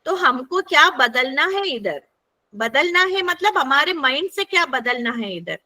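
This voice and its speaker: Woman workshop facilitator, high and bright voice, chatty, keeps checking in with the room. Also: sing-song, unhurried. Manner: conversational, keeps checking in with the group. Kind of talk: interactive workshop teaching.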